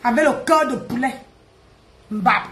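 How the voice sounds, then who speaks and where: A woman, ranting and mocking on a live stream, loud, laughing and teasing. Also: a little high, measured pace, a little hiss or hum. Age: 50s. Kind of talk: Facebook live rant. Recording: echoey room.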